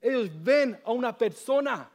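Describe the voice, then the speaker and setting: A man preaching a sermon, impassioned, swinging from soft to loud, pausing for an interpreter. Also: extremely high pitch.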